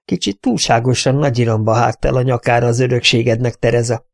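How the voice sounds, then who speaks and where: A man's voice: medium pitch, steady tone, vocal fry, no room sound, studio quality, natural voice. A male audiobook narrator voicing a cynical young man who talks bluntly and mockingly.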